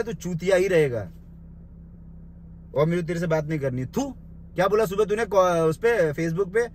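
A man's voice: high-pitched, a little hiss or hum. A young man in a small room delivering an angry, insulting rant into his phone, mocking and confrontational. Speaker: social media commentator.

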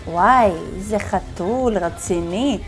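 A woman's voice: medium pitch, music in the background. A woman hosting a casual reaction video, laughing often and exclaiming back at the clips. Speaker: host reacting to funny clips.

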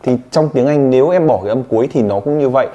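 A male English teacher drills a student with rapid, teasing questions. His voice sits at an ordinary middle pitch. There is a faint hiss of background noise. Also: dark tone, muffled recording. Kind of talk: one-on-one pronunciation coaching.

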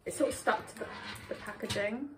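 A woman's voice: fairly high pitch, fairly quick. A young British woman chatting casually as she co-hosts a homemade video in a living room. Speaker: co-host of a family candy taste challenge. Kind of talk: casual chat. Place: lived-in living room, indoors. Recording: clear background noise.

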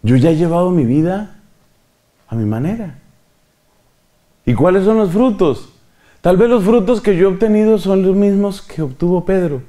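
Casting: middle-aged male priest, sermon delivery, very expressive pitch. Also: normal speed, long pauses. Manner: animated, questions the audience and acts out quotes.

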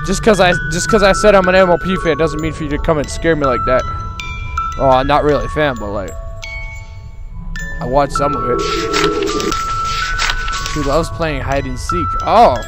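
Scared horror game streamer, higher-pitched man. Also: moderate pace, long pauses. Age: young adult. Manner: jumpy, pleading, rambling and crude. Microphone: headset. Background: loud game music.

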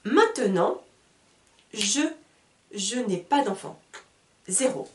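Slow, lively-voiced teacher woman. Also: medium pitch, slight background noise. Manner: spells words letter by letter and repeats examples. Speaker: French teacher. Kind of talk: slow, careful lesson for beginners. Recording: roomy sound, voice a bit far from the mic.

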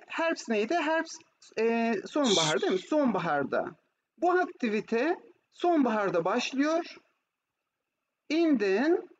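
High-voiced Turkish woman teaching German. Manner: explanatory, often checks with questions. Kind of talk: online lesson mixing Turkish explanation with German examples. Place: online video class with screen share. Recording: muffled, noisy online call audio.

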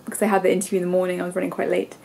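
Speaking in a lowish, monotone voice with vocal fry, this twenty-something English vlogger races through a casual, rambling chat full of ums and likes. Her tone is mellow and slightly rough, and her nose is stuffy and congested. She's in her bedroom at home, talking to a camera held at arm's length.

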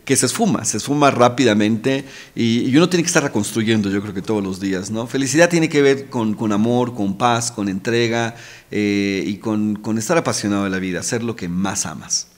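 A man's voice: fairly low pitch, a little fast. A middle-aged man, talking as a podcast guest in a heartfelt, emotional way, often repeating words and adding little tag questions. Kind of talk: casual heartfelt conversation. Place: podcast studio.

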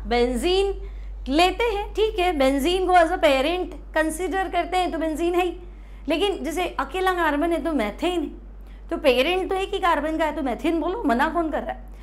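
Female teacher from India, high voice, patient step-by-step board lesson that repeats terms and questions itself. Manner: explains step by step, repeats terms slowly, asks and answers herself. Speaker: chemistry teacher.

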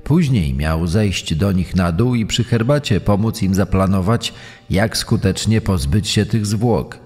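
A man reading a true-crime story in a measured, dramatic way, with a long reverb on his voice. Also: low voice, animated, a little mellow, breathy edge, soft background music. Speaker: podcast narrator. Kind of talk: scripted true-crime narration.

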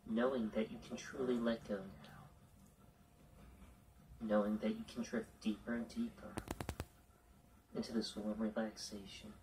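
A man guiding a listener into hypnosis with slow, soothing, repetitive suggestions. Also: fairly low pitch, distant mic, slight background noise, rough recording. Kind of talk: guided hypnosis induction.

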